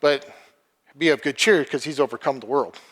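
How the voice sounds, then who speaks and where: A man giving an informal sermon, halting and repeating words as he retells a story. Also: medium pitch, fairly bright tone. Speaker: preacher. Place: church hall. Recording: long hall reverb.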